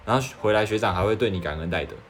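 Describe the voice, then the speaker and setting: A man's voice: fairly low pitch, animated, very fast, a little hiss or hum. A man. He is a young doctor giving casual advice, earnest and persuasive, often asking rhetorical questions. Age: 20s.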